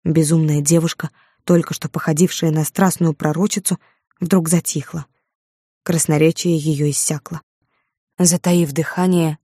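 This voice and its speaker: A woman narrating an audiobook in a measured, dramatic reading. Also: sits low, mellow, slightly rough, dry recording, clean studio sound. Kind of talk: scripted narration. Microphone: studio microphone.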